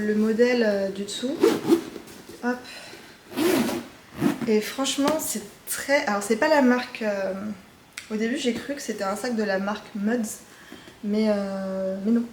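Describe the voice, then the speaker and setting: Woman, casual vlogger, a bit high-pitched, chatty and hesitant, roomy echo on the recording. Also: noisy background. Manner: chatty, hesitant with frequent fillers. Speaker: knitting vlogger. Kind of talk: casual show-and-tell chat.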